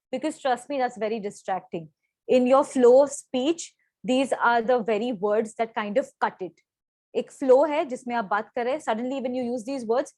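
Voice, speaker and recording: A young woman with an Indian accent trains pageant contestants in an instructional talk, her fairly high, slightly mellow voice captured on a dry recording. Her coaching tone is clear, she slips Hindi phrases into her English mid-sentence, and she keeps checking in with "right?"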